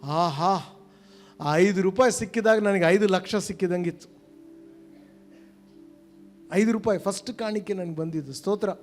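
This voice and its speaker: An older male pastor, preaching a sermon in a church. He asks the congregation questions and swings between emphatic and hushed delivery. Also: high voice, a little slow, long pauses, faint music behind.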